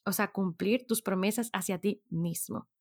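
A woman talks at an ordinary mid pitch in a loose, chatty motivational style. She keeps turning questions back on the listener as she coaches them. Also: moderate pace. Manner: conversational, asks listeners many rhetorical questions. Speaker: motivational speaker. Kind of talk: casual motivational talk.

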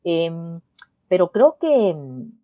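A woman's voice: fairly low pitch, sing-song, very slow, mellow, dry recording. A middle-aged woman from El Salvador, a poet talking casually in an interview, thoughtful and restarting her sentences, ending points with a questioning tag. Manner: thoughtful, with frequent restarts and "¿no?" tags.

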